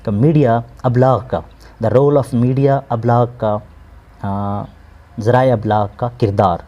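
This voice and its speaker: Mellow-voiced Pakistani male teacher. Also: medium pitch, fairly even intonation, lo-fi sound. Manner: slow, explanatory, with many hesitations. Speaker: English teacher. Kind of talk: lesson explaining English in Urdu.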